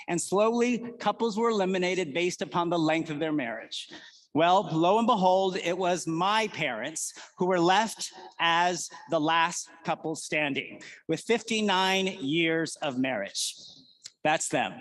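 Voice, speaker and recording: A man in his forties from the United States delivers a prepared keynote to a conference audience. His voice sits notably high, and he talks earnestly, blending family stories into his points. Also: fairly bright tone. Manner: earnest, personal storytelling. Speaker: conference speaker.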